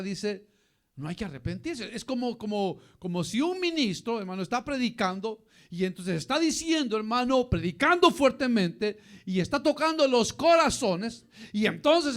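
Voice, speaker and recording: A man preaching a Bible study sermon as pastor, often calling his listeners "brother". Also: very high-pitched. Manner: addresses listeners as "hermano" often, animated preaching.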